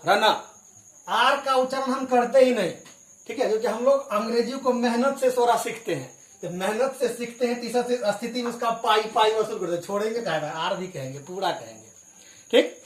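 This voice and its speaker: Hindi-speaking man teaching English, echoey room. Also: very high-pitched. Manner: explains patiently, spelling words out letter by letter; clears his throat now and then. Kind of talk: spoken classroom lesson. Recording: echoey room with crickets behind.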